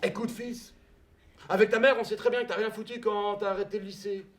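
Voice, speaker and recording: A man's voice: high voice, steady tone, fairly quick, natural voice. A man voicing a stern, practical father with a blunt, lecturing manner. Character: stern, practical father pushing his son.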